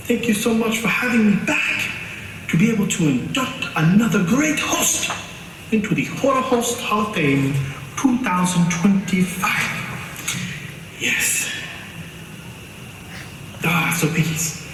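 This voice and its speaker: A man playing a flamboyant, vain horror host baron with pompous, theatrical, drawn-out delivery. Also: high-pitched. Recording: echoey room, distant mic, background noise.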